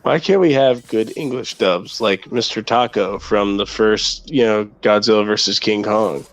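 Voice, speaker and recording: A man's voice: on the low side, measured pace. Chatty rambling man. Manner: rambling, chatty, thinking aloud. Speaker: co-host. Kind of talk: casual gaming chat.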